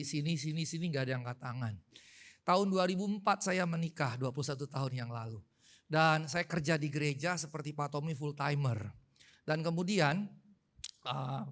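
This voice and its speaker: Male pastor, 40s, high-pitched, animated storytelling sermon. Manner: animated storytelling, asks the congregation questions. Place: church hall.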